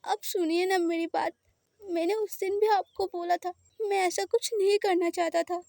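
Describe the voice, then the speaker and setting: A woman's voice: very high voice, steady tone, normal speed, creaky, a little mellow, dry recording, clean studio sound, voice pushed up. A woman voicing a frightened, tearful young woman who pleads in a crying voice. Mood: tearful, pleading. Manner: sobbing, pleading voice.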